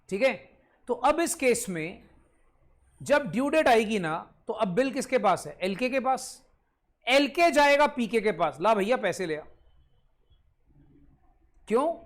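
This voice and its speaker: A man's voice: very high voice, animated, unhurried, pauses often. A male commerce teacher giving an online class lecture with a Punjabi-influenced Hindi accent, repeating points, quizzing his students and sometimes scolding them.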